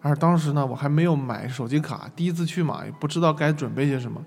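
A young man from China telling a lively, self-mocking travel story to an online class. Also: on the high side, fast, vocal fry, long reverb tail. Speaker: lecturer.

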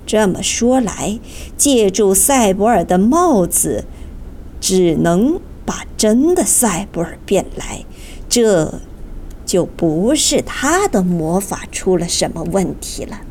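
A woman narrating a children's audiobook in an expressive, storytelling manner, addressing young listeners. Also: medium pitch, slow pace, a little hiss or hum.

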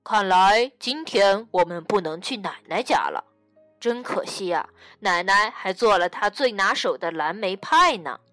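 A woman voicing a gentle father rabbit in a storybook, speaking in a lower and louder voice. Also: expressive, measured pace, dry recording, soft background music. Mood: regretful. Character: father rabbit, mild and regretful.

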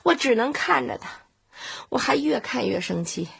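An actress playing an excitable, easily duped middle-aged mother in a family sitcom, complaining dramatically. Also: sits high, moderate pace, vocal fry, husky, exaggerated voice. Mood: sulky. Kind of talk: sitcom acting.

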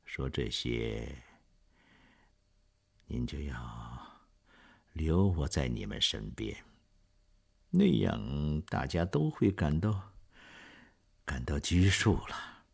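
A man voicing a frail, dying old man who speaks in a faint, slow, trembling near-whisper in a storybook reading. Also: lowish voice, very animated, clear, resonant tone, no room sound, studio quality, heavily acted. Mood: weak, tender.

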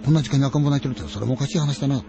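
Man doing a calm, matter-of-fact father. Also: mid-range voice, racing, vocal fry, over music, close to an everyday voice. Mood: musing. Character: calm, reassuring father of a family.

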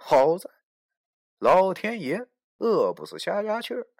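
Animated male audiobook narrator. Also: sits high, unhurried. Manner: animated, swings from whispers to loud outbursts. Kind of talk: dramatic storytelling.

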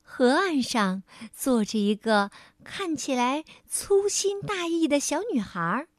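A woman reading a children's storybook aloud in a gentle, expressive way. Her voice is high and very lively, and she reads unhurriedly. The recording is dry and close. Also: slow pace, no echo.

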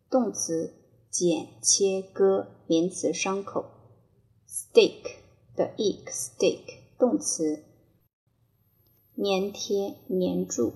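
A woman teaching English vocabulary with a Chinese accent, repeating each word slowly and then explaining it. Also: medium pitch, dark tone. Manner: slow, deliberate repetition of each word. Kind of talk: word-by-word pronunciation drill.

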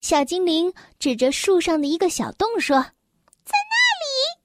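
A woman reading a children's storybook aloud, slow and expressive. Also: very high voice, noisy background.

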